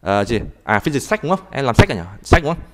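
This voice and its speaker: A man teaching a live online language class, talking haltingly and repeating words as he types and explains. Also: medium pitch, big pitch swings, slight background noise. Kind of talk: live online tutoring session.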